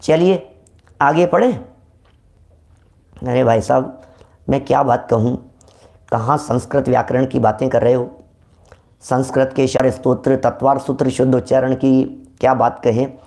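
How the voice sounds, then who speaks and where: A man giving a religious discourse, reciting verses slowly and repeating key words for emphasis. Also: mid-range voice, steady tone, creaky, a little mellow. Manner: slow, deliberate recitation of Sanskrit and Prakrit verses. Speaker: Jain scripture teacher.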